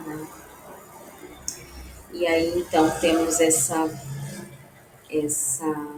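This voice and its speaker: A woman teacher explaining classroom activities in a halting way, often tagging phrases with a questioning "né?" and restarting words. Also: on the low side, darkish tone, echoey room, slight background noise, rough recording. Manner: halting, frequent "né?" tags and restarts. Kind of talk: explaining a lesson.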